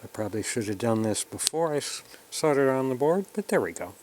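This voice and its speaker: A man with a mid-range voice hosts an electronics kit build tutorial, speaking in an animated, fairly quick way over some background noise. He keeps it casual and hands-on, plainly explaining each step as he works.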